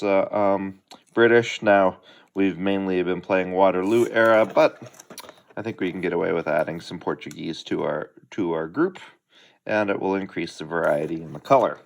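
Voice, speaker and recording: A middle-aged man with a lowish voice hosts a hobby channel, unboxing a delivery at home while chatting casually and unhurriedly.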